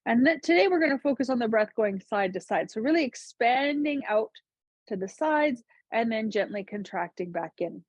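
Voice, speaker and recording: A woman teaching a seated yoga class, giving calm, gentle cues to breathe and move. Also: a little high, moderate pace, breathy edge, no room sound. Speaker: yoga instructor. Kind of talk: guided chair yoga instruction.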